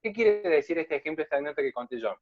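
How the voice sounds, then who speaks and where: A man's voice: on the high side, animated, racing, no room sound, muffled recording. A man giving an emphatic, polemical online lecture and answering questions.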